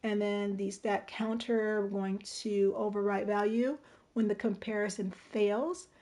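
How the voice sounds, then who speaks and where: On a late-night stream, a female tutorial host explains a game-design tool one step at a time, dropping in "right?" and "okay?" to check on viewers. She talks at a measured pace in a steady, medium-pitched, soft tone, her voice a bit hoarse and strained.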